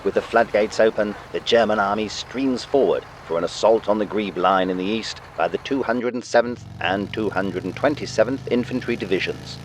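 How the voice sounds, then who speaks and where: Low-voiced man narrating a war newsreel. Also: moderate pace, hardly any pauses, a little hiss or hum. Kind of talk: scripted wartime newsreel narration. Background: music under the narration.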